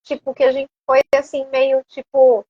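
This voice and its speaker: High-voiced Brazilian woman, rambling guest. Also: moderate pace, no room sound, lo-fi sound. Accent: Brazilian Portuguese. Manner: rambling and animated, many hesitant fillers. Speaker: interview guest. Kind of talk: casual conversation.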